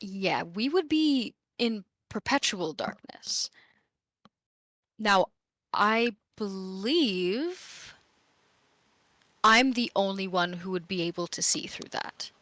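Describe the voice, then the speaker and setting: A woman playing a tabletop game, talking in a cautious, deliberate way. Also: medium pitch, animated, a bit bright, dry recording. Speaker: player. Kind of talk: casual tabletop game play.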